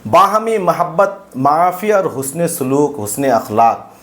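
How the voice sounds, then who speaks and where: A man's voice: fairly high pitch, sing-song, unhurried. A man gives an earnest religious advice talk, repeating phrases for emphasis. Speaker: religious speaker.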